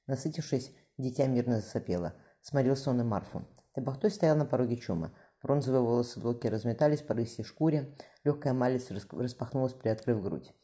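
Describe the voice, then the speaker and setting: Audiobook narrator, novel reading, rapid, very dark and mellow tone. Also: medium pitch. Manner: brisk reading with occasional slips.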